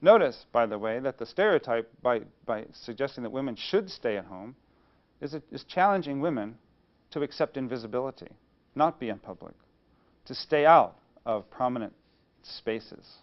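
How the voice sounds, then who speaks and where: Male lecturer, mid-pitched voice, rhetorical question-and-answer lecture style, slightly muffled recording. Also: lively intonation, normal speed. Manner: rhetorical, poses questions then answers them. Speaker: engineering studies lecturer. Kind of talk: university lecture.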